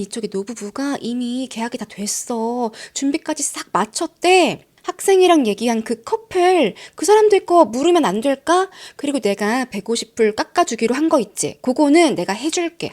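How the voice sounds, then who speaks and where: A fussy middle-aged landlady auntie, as a woman storyteller puts her on, chatty and coaxing. Her fairly high voice rises and falls as she talks. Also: animated, moderate pace, hardly any pauses, a little mellow.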